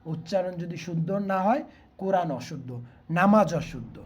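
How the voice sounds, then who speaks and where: Husky-voiced woman teaching Quran letters. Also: on the low side, lively intonation, moderate pace. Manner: patient, repeats letters and asks the listeners questions. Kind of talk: online Quran pronunciation lesson.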